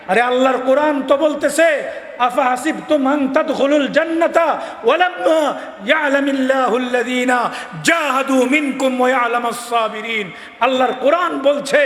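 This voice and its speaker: A man with a Bangladeshi Bengali accent preaching a fiery sermon at a rally, shouting his repeated refrains with passion. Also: very high-pitched. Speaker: Islamic preacher. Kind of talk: fiery open-air sermon. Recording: echoey amplified hall with long reverb.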